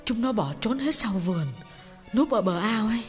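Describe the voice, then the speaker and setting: A woman voicing a grieving middle-aged mother in an audiobook drama, telling a painful story in a tearful, halting way with repeated words. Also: a little high, lively intonation, close to an everyday voice. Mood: sorrowful. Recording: long reverb with background music.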